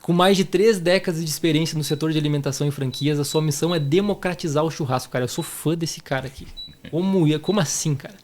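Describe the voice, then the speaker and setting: A podcast host and entrepreneur from Rio Grande do Sul in southern Brazil speaks with a gaúcho accent. His fairly high voice moves at a quick pace. He hosts in an effusive, informal way, addressing listeners affectionately.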